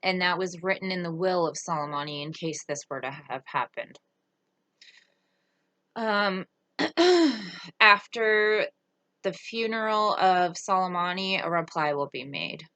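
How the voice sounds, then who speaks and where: A woman's voice: lowish voice, lively intonation, measured pace, pushed and bright. A woman hosting a casual political commentary show, reading quotes aloud with frequent fillers and getting indignant.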